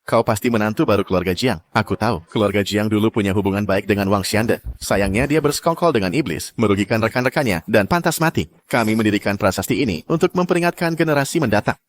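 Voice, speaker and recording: A man's voice: fairly low pitch, fast talker, few pauses, close to an everyday voice. A man dubbing a cruel, arrogant young clan heir who sneers and threatens. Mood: scornful. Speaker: villain. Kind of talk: dubbed drama acting.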